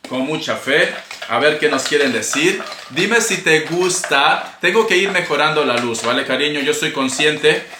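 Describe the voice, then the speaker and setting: A man's voice: on the high side, lively intonation, moderate pace, noisy background. A man giving a casual tarot reading to camera, chatty and playful, calling viewers darling. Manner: bursts into singing and laughter. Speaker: tarot reader. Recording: echoey room.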